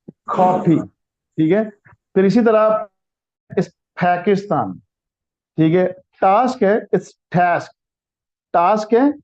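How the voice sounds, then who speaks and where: A man teaching an online English class, drilling letter sounds slowly one by one and mixing English phrases into his lecture. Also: high-pitched, dark tone. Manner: mixes Hindi-Urdu with English phrases. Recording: slightly dull, lo-fi audio.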